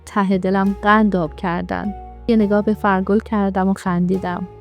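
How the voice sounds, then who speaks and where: A woman storyteller reading a first-person story aloud in a brisk, steady manner. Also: mid-range voice, soft background music.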